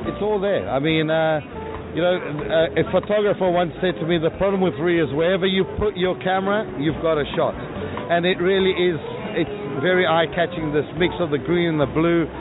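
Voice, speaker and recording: Effusive higher-voiced man, lo-fi sound. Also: normal speed. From South Africa. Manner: effusive, selling, with many fillers. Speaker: tourism representative interviewed at a travel show. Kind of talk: enthusiastic promotional interview. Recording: tinny lo-fi audio with music behind.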